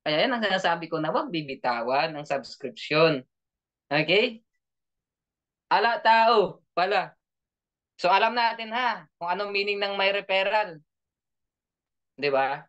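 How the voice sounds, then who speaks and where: A man's voice: sits high, expressive, moderate pace, long pauses, fairly bright tone. A man coaching an online training session, joking, laughing often and keeping his listeners engaged with questions. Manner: joking, laughs often, keeps asking the audience. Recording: dull lo-fi audio.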